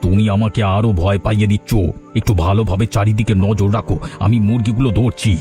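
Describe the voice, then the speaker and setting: A man's voice: lowish voice, steady tone, quick pace, music in the background, close to an everyday voice. A man voicing a greedy village husband in a cartoon, grumbling, impatient and mocking. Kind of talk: cartoon dubbing.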